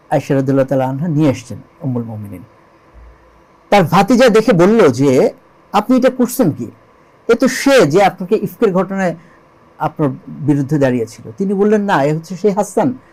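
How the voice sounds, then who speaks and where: Here a high-pitched Bangladeshi man, a lyricist and composer being interviewed, explains religious history like a storyteller. His tone is darkish and the recording quality is low. He stays emphatic throughout, repeating key phrases and asking rhetorical questions.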